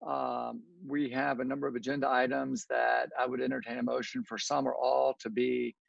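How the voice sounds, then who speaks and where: A man chairing a virtual public meeting, reading a formal resolution in a flat, even tone. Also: medium pitch, moderate pace, vocal fry, no echo. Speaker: commission chairman. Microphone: video call. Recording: dull dry lo-fi video call audio.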